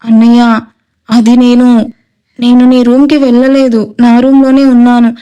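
A woman's voice: on the high side, flat delivery, measured pace, warm tone, clean tone, muffled recording, lightly acted. A woman voicing an anxious young man who pleads hesitantly with his older brother. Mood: frightened.

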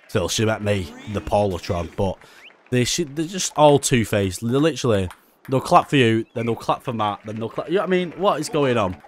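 A young man giving casual gameplay commentary, excitable and swearing often, with frustrated outbursts. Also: medium pitch, moderate pace, a little hiss or hum. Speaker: gaming YouTuber.

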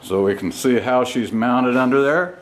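Filming on a handheld camera in his home garage with the door open, a hobby mechanic gives a casual walkaround of his custom motorcycle work. He speaks slowly in fragmented phrases with pauses, using a mid-range voice, and the camera mic picks up a lot of noise.

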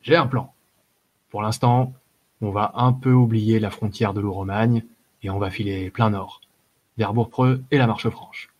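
A man voicing a gruff, mocking old male warrior in an audiobook, with blunt soldier's slang. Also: lowish voice, fairly even intonation, measured pace, darkish tone, muffled recording, a little hiss or hum, natural voice. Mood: scheming. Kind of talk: audiobook character voice.

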